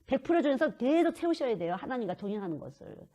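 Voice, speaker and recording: A woman's voice: fairly high pitch, very animated, fast talker, mellow. A middle-aged woman preaching a sermon, earnest and acting out pleading prayers to God. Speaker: children's missionary preacher.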